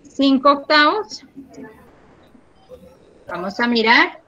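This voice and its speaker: Slow, patient woman teaching math online. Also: high voice, expressive, sharp tone, dull audio. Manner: patient, encouraging, counts aloud slowly. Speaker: primary school math teacher. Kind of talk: online class. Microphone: computer mic on a video call.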